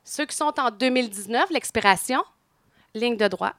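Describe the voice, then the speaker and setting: A woman's voice: on the high side, normal speed, fairly bright tone, dry recording, studio quality. A middle-aged woman with a Quebec French accent, telling a story in casual podcast chat and laughing often.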